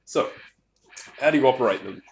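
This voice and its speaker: This man has a medium-pitched, expressive voice and a brisk delivery. He's a hobbyist showing off gear hands-on in a loose, rambling way, with some swearing. The room echoes, and there are clicks and noticeable background noise.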